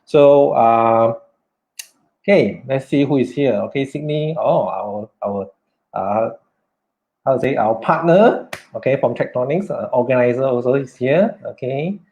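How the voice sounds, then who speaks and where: A Malaysian man hosts a live online workshop, stalling on "okay" and "uh" as he greets viewers. His voice sits at a middling pitch. The stream audio is dull and lo-fi. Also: unhurried, darkish tone. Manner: hesitant, many "okay" and "uh" fillers. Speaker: workshop host.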